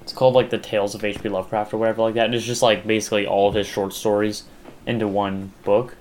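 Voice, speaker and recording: A man's voice: lowish voice, little pitch movement, fast talker, darkish tone, a little hiss or hum. A young man chatting casually as a podcast co-host, rambling with lots of fillers and restarts. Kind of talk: casual chat.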